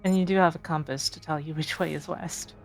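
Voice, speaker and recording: A woman's voice: deep voice, fairly even intonation, fairly quick, vocal fry, faint music behind. A woman guest on a game stream who chats casually and playfully and gives the player helpful tips. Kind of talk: casual gameplay chat.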